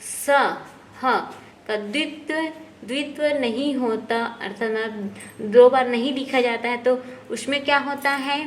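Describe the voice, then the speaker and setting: A woman teacher slowly going through textbook exercises, often asking a question and then answering it herself. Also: on the high side, steady tone, slight background noise. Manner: slow, explanatory, often asks and answers herself. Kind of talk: textbook lesson walkthrough.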